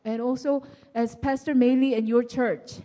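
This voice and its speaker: Mellow-voiced woman giving church testimony. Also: a little high, steady tone. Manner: short phrases, pausing for the interpreter. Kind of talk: church testimony paused for interpretation. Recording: long hall reverb from a church.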